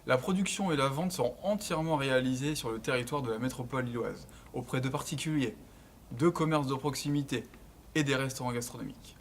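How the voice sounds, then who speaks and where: A man in his twenties from northern France, giving an earnest, measured, scripted narration as an entrepreneur presenting his project. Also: mid-range voice, slight background noise. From Lille area, northern France. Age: 20s.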